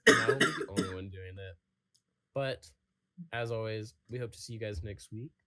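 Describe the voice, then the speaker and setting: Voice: mid-range voice, moderate pace, a crowd in the background. A young adult in their twenties co-hosting a podcast in casual chat, laid-back and jokey, wrapping up the episode over a video call. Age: 20s. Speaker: podcast co-host.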